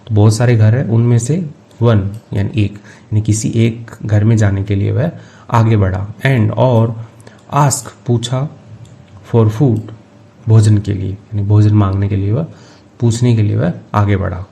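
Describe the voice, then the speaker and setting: A man teaching English, reading each phrase of a story slowly and then explaining it. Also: fairly low pitch, steady tone, creaky, warm tone, a little hiss or hum. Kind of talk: line-by-line translation lesson.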